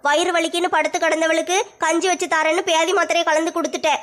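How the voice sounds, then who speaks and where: A woman playing a scheming, sharp-tongued mother-in-law in a comic family sketch. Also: very high voice, little pitch movement. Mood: scolding. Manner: scolding, sly, fast-talking. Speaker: comedy sketch actor.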